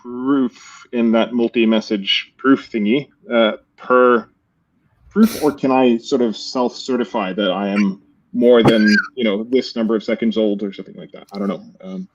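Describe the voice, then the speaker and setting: A man's voice: lowish voice, steady tone, normal speed, highs cut off. A man in the audience asking a rambling, unsure question about proofs, trailing off at the end. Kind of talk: casual question.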